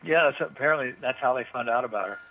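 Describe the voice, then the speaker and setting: A man co-hosting a radio talk show from a remote location by phone, chatting casually with frequent filler words. His phone voice is played through a loudspeaker and recorded again. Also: medium pitch, quick pace, a crowd in the background. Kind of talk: casual chat. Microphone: telephone. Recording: tinny phone line played through a speaker, faint noise.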